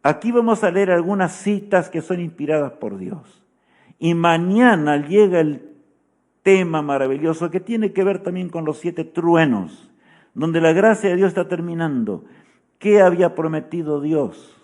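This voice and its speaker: Man, preacher, solemn sermon, fairly high-pitched voice, questioning asides. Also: expressive, unhurried, darkish tone. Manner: solemn, often adds a questioning "¿verdad?". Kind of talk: sermon teaching.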